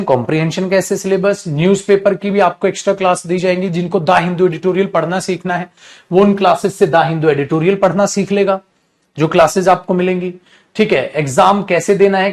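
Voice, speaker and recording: High-voiced teacher scolding and coaxing. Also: male voice. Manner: addresses students as beta, scolding and coaxing; repetitive, list-like explaining. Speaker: English teacher. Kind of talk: online class lecture.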